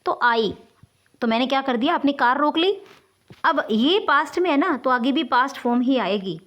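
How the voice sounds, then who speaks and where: A woman's voice: high-pitched, animated, normal speed, a bit bright. A woman teaching an English grammar lesson online, explaining patiently step by step and checking in often with her students.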